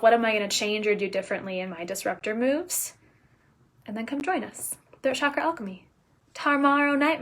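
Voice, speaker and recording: A woman coach giving a casual live talk, energetic and emphatic, dropping at times to soft, near-whispered lines. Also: on the high side. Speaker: business coach.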